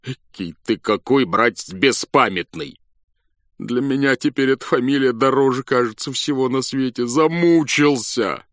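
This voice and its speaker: A man voicing an irritable old general with a toothache, gruff and scolding, in a storybook reading. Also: medium pitch, normal speed, a bit bright, no room sound, voice pushed up, close to an everyday voice. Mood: exasperated.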